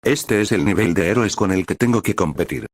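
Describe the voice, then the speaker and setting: A man's voice: sits low, fairly quick, no room sound, clean studio sound. A man doing a hot-headed angry teen. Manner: angry, scornful.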